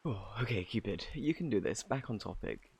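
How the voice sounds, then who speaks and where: A man with a British accent playing a flirty, bashful, kindly Cupid in an intimate ASMR romance roleplay, softly spoken, stammering and flustered. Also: on the low side, lively intonation, creaky, slightly rough, exaggerated voice. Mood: awkward, chatty. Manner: flustered, stammering, halting, apologetic.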